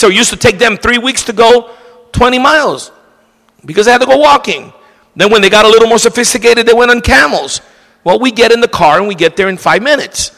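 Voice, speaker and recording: A male pastor preaching a sermon, animated and acting out excuses in quoted voices, in a church. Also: fairly high pitch, long reverb tail.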